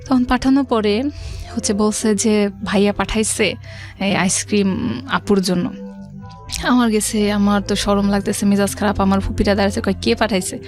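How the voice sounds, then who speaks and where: A radio guest from Rajshahi with a Bangladeshi accent tells her life story conversationally, mixing in English words. Her voice is medium-pitched, steady and a bit dark, at a moderate pace with frequent pauses, and music plays in the background.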